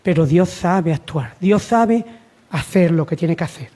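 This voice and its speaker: High-voiced man preaching a sermon. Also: expressive, a little slow, dark tone. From Spain. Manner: repetitive, exhortative, rhetorical questions.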